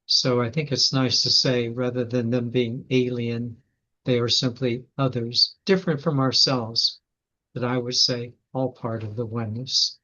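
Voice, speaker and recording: Flat-voiced man in dull lo-fi audio. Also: mid-range voice. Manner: calm, measured, steers the session. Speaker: teacher leading the session. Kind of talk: casual discussion.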